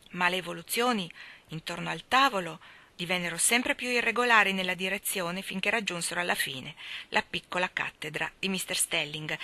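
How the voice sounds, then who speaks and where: A woman reading a classic novel aloud in a measured, expressive storytelling manner. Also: lowish voice. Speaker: reader.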